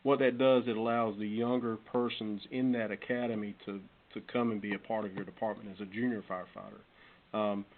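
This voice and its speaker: A fire chief with a lowish voice fields council questions at a budget meeting, explaining things in a matter-of-fact way. The audio comes from a phone-quality conference call that is noisy and clicky.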